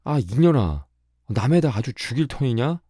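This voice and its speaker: A hot-tempered teenage farm boy from a storybook, shouting loud angry rebukes, as a male reader acts him out. His voice jumps high above the reader's low register, in a dry, close recording. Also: very animated, normal speed, breathy edge, no room sound. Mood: furious.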